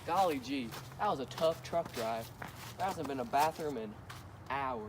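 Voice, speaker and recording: A man's voice: medium pitch, animated, normal speed, recorded from a distance, natural voice. A man playing a folksy rural trucker with a drawl and old-timey exclamations, recorded outdoors with wind and traffic. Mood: startled.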